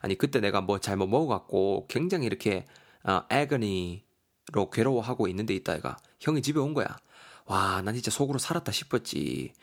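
A man's voice: fairly low pitch, expressive, brisk. A man voicing a young man who complains in slangy about his brother. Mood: aggrieved.

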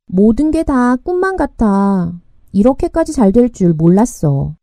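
A woman's voice: fairly high pitch, sing-song, unhurried, warm tone, no room sound, studio quality. A woman reading as an earnest teenage girl. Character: teenage girl, hopeful, shy about praise.

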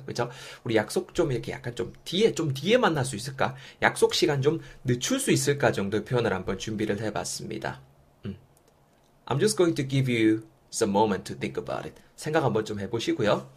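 A man teaching English phrases in a lesson, saying the model sentences slowly for students to repeat. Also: medium pitch, creaky, husky. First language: Korean. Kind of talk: language lesson with listen-and-repeat drills.

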